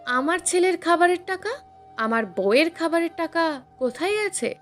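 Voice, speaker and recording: Woman reading as a fed-up young husband, firm and hurting, soft music in the back. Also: extremely high pitch, lively intonation, moderate pace, pitched above the performer's own voice. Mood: confronting. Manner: firm, pained and confronting. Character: angry young husband and father standing up for his family.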